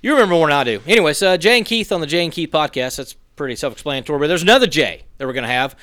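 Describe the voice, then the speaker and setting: A man's voice: fairly high pitch, expressive, very fast, fairly bright tone, no room sound, studio quality. A man co-hosting a sports podcast, talking in a chatty, rambling, joking way. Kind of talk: casual sports chat.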